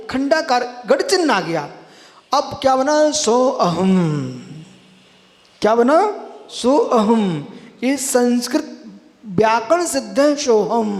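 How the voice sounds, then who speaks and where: A man giving a religious sermon, repeating key phrases for emphasis and calling on his listeners as friends. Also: very high voice. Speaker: Jain monk preacher. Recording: long hall reverb.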